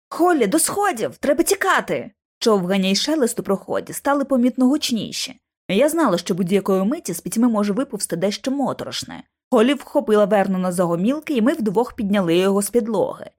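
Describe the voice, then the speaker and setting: A woman narrating a story in the first person, reading in a lively, expressive way. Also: medium pitch, quick pace, hardly any pauses. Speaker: audiobook narrator.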